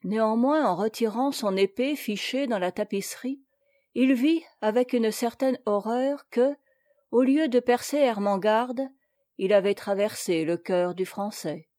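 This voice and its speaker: A woman narrating a classic tale as an audiobook reader, measured and even. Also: a little high, no room sound, studio quality. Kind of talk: scripted narration.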